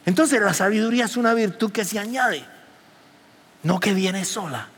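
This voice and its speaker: A man preaching a sermon as pastor, animated and rising to near shouts. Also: high voice, moderate pace, breathy edge, big-room sound.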